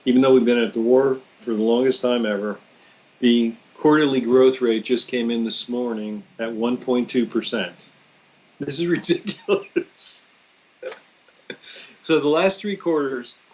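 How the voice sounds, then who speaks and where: A man's voice: mid-range voice, a little mellow, poor audio. Guy ranting on a political talk show, indignant, middle voice. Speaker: political commentator. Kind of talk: casual political chat.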